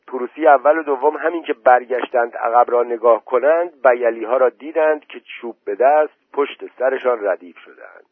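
A man narrating a story aloud in a steady, measured audiobook reading. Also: medium pitch, husky, no echo. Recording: tinny phone-like recording.

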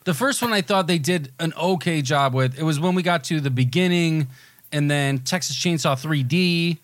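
A man's voice: a little high, moderate pace, no room sound. A man co-hosting a podcast, rambling with enthusiasm in casual chat, often restarting his sentences. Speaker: podcast co-host.

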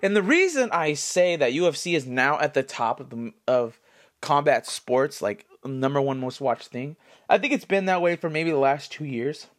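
A man in his twenties, congested, talking in a rambling, animated style full of fillers as a solo podcast host. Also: fairly high pitch, moderate pace. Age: 20s. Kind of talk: casual solo commentary.

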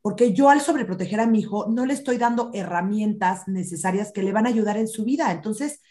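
Animated woman explaining parenting. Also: medium pitch, fairly quick. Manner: animated, acts out children's lines. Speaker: parenting expert guest. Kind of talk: explanatory podcast talk.

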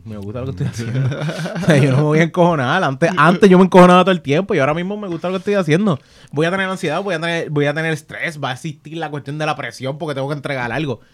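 A man's voice: fairly high pitch, rapid-fire. Slangy man hosting a podcast. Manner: animated storyteller, slangy and swearing freely. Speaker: podcast host. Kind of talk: casual chat.

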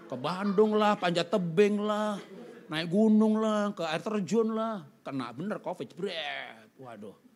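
A middle-aged man preaching a sermon testimony, telling his story with animated swings from loud outbursts to hushed pleading. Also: sits high, unhurried.

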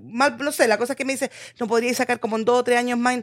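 A woman's voice: fairly high pitch, fairly even intonation, quick pace. A middle-aged Chilean woman, a mother, chatting casually with her family and drifting off mid-phrase as she tells her stories. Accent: Chilean Spanish. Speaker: mother and podcast host.

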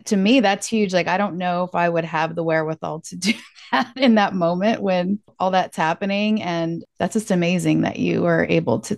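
A woman's voice: on the low side, gravelly, no echo, clean studio sound. A woman hosting a podcast interview, affirming her guest in casual chat with lots of filler words. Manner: warm, affirming listener, talks with many fillers like "like". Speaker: podcast host.

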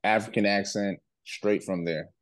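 A man's voice: on the low side, steady tone, normal speed, no room sound. A young man co-hosting a podcast, telling stories in a laid-back, rambling way with plenty of slang. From outside the US. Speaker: podcast co-host. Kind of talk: casual chat.

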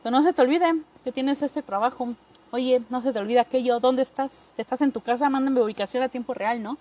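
A Mexican woman hosting a podcast, joking casually and acting out coworkers in quick impressions. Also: high voice, a little mellow. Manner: chatty, jokey, acts out coworkers in quick impressions. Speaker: podcast host. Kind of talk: casual comedic monologue.

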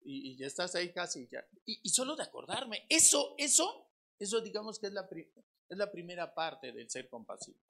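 Mexican pastor guy giving a sermon, talks like a chat, repeats himself, goes loud then drops real low. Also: fairly quick, vocal fry. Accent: Mexican Spanish. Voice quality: lively, shifts between loud emphatic lines and quiet low asides. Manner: conversational preaching, repeats words and restarts, asks the congregation questions.

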